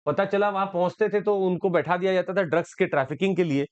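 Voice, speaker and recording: A man's voice: high voice, quick pace, clear, resonant tone, muffled recording. A man with an Indian accent explaining the daily news to exam students, switching between Hindi and English and repeating key points. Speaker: current affairs teacher. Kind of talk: exam-prep news analysis lesson.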